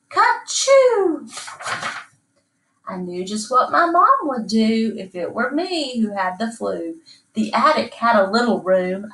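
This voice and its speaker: A middle-aged woman reads a rhyming children's picture book aloud in a rhythmic, dramatized way in a small indoor room. Her mid-range voice is a bit bright, picked up by a distant microphone in an echoey room with a little hiss or hum.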